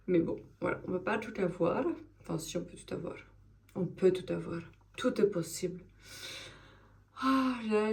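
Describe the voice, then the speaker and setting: Chatty woman in her thirties. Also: fairly low pitch. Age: 30s. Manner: chatty and expressive, with frequent fillers. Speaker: vlogger. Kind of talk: casual vlog chat.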